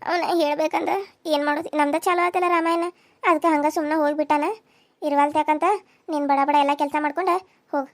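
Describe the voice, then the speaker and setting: A woman's voice: high voice, flat delivery, fast, no echo, natural voice. A woman with a North Karnataka accent voicing a weary older village mother-in-law in a cartoon serial, resigned and brusquely ordering chores. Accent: North Karnataka Kannada.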